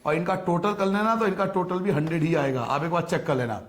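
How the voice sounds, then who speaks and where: A man's voice: a little high, a little fast. A man teaching a maths lesson, patiently repeating each step and asking his students rhetorical questions. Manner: patient, repetitive explaining, addresses students as beta. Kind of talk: recorded classroom lesson. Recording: echoey room.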